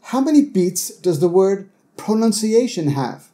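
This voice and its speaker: A man narrating a scripted English pronunciation lesson as a teacher, sounding out example words slowly and carefully. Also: high-pitched, sing-song, warm tone.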